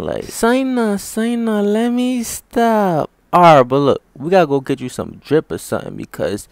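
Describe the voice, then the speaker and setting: A man's voice: mid-range voice, gravelly, no room sound. A man hosting a comedy skit, talking in slang in a bossy, teasing way.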